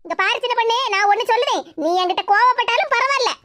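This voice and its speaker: A woman's voice: very high-pitched, very fast, sharp tone, dry recording. A woman voicing a blunt, brash middle-aged neighbor woman in a cartoon. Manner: brash, comforting, mocking. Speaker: neighbor character. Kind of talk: cartoon voice acting. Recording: noisy cartoon voice track.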